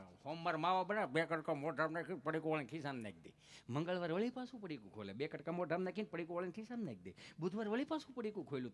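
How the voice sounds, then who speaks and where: A man performs comic folk stories on stage, teasing and repeating his punchlines with relish. His voice is high and bright, with a sharp, ringing edge. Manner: lively, teasing delivery with punchy repetition. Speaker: stage comedian.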